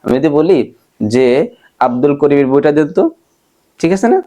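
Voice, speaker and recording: A man's voice: fairly high pitch, big pitch swings, mellow. A man teaching Arabic grammar in an online lecture. He asks his listeners questions and answers them himself, walking through everyday examples. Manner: slows down and gives everyday examples.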